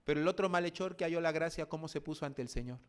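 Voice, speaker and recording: A pastor with a Mexican accent preaching an evening sermon, dramatic, swinging between quiet reflection and forceful declarations. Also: male voice, fairly high pitch, quick pace, clear, resonant tone.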